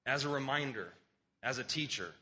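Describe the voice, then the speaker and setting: Male preacher, sermon with scripture reading, tense bright tone, conversational and earnest, muffled low-fi sound. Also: lively intonation, moderate pace. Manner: earnest, conversational, repeats words as he restarts.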